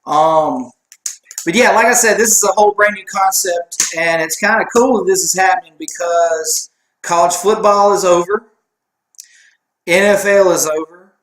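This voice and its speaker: Rambling sports co-host. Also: male voice, sits high, moderate pace, fairly bright tone. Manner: rambling, joking, self-deprecating. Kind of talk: casual sports chat. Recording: echoey room.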